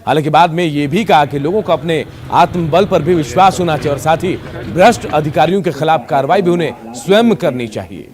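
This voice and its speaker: A man's voice: on the high side, a little fast, few pauses, a crowd in the background. A male news anchor giving voice-over reports.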